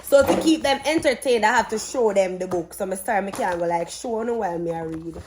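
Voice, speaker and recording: With a mid-range voice moving a little fast against a noisy background, a woman with a Jamaican accent talks bluntly in a casual home vlog. She reads aloud to children as a parent would, stopping now and then to direct and quiz them.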